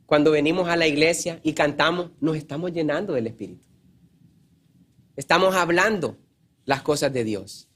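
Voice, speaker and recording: Guy preaching a sermon, kinda high voice, repeats stuff, keeps clearing his throat. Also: normal speed, pauses often, fairly bright tone. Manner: earnest teaching tone, repeats key words, clears throat often.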